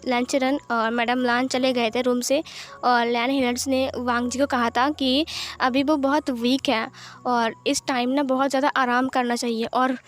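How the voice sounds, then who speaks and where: A woman's voice: sits high, flat delivery, measured pace. A woman narrating a fan fiction story in a chatty storytelling manner, mixing in English words.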